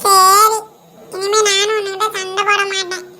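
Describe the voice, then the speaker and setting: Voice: extremely high pitch, little pitch movement, unhurried, heavy background noise. A performer voicing a young, sulky little girl in a homemade cartoon, pleading tearfully, with a Tirunelveli Tamil accent. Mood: calmer.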